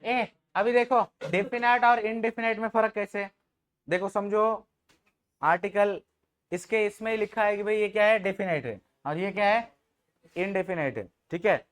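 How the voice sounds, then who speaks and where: A man's voice: high voice, moderate pace, a bit bright. A man teaching an English grammar class in Hindi, joking with students and often checking if they understood. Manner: jokes with the class, informal and teasing.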